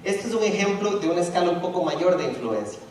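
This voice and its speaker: A man's voice: high-pitched, expressive, quick pace, darkish tone, slight background noise. Man lecturing in an echoey hall. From Ecuador. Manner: hesitant, with frequent restarts and fillers. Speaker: speaker presenting a talk. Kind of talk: public lecture. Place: university auditorium. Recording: echoey hall, distant from the mic.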